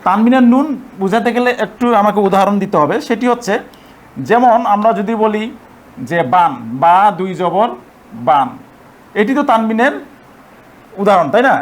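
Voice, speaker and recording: This Arabic grammar lesson comes from a high-pitched man who explains patiently, step by step. He keeps repeating points and checking comprehension, slowing down to take the Arabic examples apart syllable by syllable.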